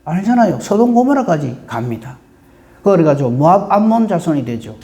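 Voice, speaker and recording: A man preaching at an early morning service, his voice high and full of gravelly fry. He talks in a folksy, conversational way, swinging his pitch widely and firing rhetorical questions at the congregation. His tone stays mellow and warm. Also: very animated, moderate pace. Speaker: pastor. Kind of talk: dawn service sermon.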